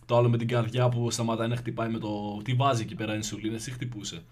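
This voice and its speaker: A young man in a casual group chat, rambling with sudden excitable bursts. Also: medium pitch.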